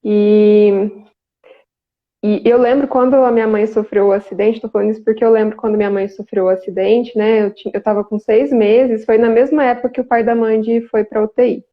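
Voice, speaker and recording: A woman's voice: on the high side, fairly even intonation, brisk. A Brazilian woman hosting a live video chat, talking in a casual, conversational way with frequent tag questions. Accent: Brazilian Portuguese. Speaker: host. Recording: tinny phone-like call audio.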